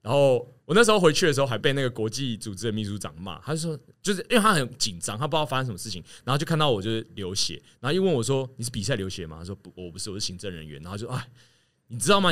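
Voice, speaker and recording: A man telling a story in casual chat, animated and laughing as he acts out what others said. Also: mid-range voice, very fast. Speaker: podcast guest telling a story.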